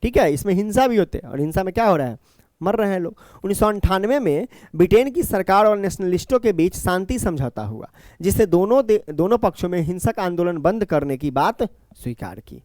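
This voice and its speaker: Man, teacher, classroom lecture, repeats and explains, asks and answers himself, slightly high voice. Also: lively intonation, fairly quick, darkish tone, dry recording, clean studio sound.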